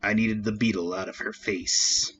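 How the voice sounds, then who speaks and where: A man putting on a gruff hard-boiled detective. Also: steady tone, a bit bright, lo-fi sound, faint music behind, lightly acted. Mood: gruff, brooding. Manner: low, slow, hard-boiled storytelling. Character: gruff weary male homicide detective narrator.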